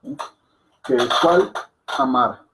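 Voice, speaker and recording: Slow, patient man teaching a class. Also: on the high side, fairly bright tone, a little hiss or hum, rough recording. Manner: patient, repeats words slowly, checks with "¿ok?". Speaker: Hindi teacher. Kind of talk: explaining to a class.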